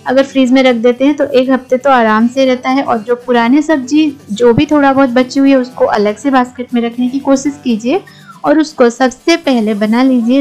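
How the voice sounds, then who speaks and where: Advising woman, high voice, soft music. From India. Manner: friendly, advising, mixes English words into Hindi. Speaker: home cooking channel host. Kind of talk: voice-over kitchen tips. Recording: soft music bed behind voice-over.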